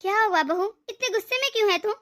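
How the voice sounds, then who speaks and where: A woman's voice: very high-pitched, quick pace, fairly bright tone. A woman voicing a tired, grumbling older mother-in-law in a cartoon, weary and self-pitying. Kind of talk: cartoon dub voice acting.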